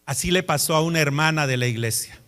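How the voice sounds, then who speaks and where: A man preaching a sermon as a pastor, telling stories in an animated and emphatic way. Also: fairly high pitch, quick pace.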